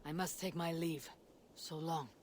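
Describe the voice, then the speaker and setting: An actress playing a stern, weary Viking woman leader in a video game, speaking gravely and formally in a husky voice. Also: deep voice, fairly even intonation, a little mellow, a little hiss or hum. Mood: curt. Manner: grave, measured, formal speech. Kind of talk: scripted video game acting.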